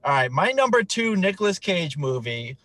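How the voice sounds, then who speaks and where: A man's voice: sits high, big pitch swings, moderate pace, a bit bright, no room sound. A man co-hosting a podcast, joking, laughing and rambling in casual chat. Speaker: podcast co-host.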